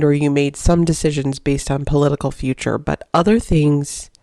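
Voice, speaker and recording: Woman, podcast host, warm mellow tone, argues her points with emphasis, dry close-mic sound. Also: low-pitched, dry recording. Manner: opinionated, emphatic, argumentative. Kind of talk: solo opinion podcast monologue.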